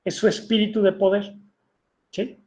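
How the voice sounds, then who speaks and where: Conversational preacher in echoey room. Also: male voice, high-pitched, level tone, measured pace, darkish tone. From Mexico. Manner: conversational, tag questions. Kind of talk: sermon testimony. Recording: echoey room, dull lo-fi sound.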